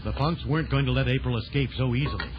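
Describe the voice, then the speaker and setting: Speaking fast in a mid-range voice close to everyday speech, a man narrates a kids' adventure audio drama with an announcer's theatrical flair. Heavy background noise and loud dramatic music fill the dull, band-limited old recording.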